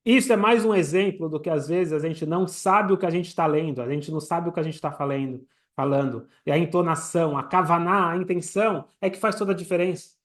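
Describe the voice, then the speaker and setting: A man, a rabbi, giving a teaching sermon with everyday examples and soft asides. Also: on the high side, fairly quick, hardly any pauses.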